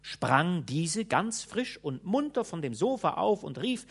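A man reading a literary audiobook aloud with expressive, theatrical narration. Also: sits high, a little slow, gravelly, slightly rough. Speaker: audiobook reader.

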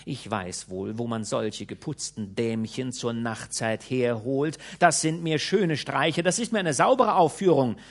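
A man's voice: lowish voice, fairly even intonation, slow, few pauses, a little mellow, voice pushed down. A man reading an audiobook voices an old woman housekeeper who stammers and scolds indignantly. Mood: indignant scolding.

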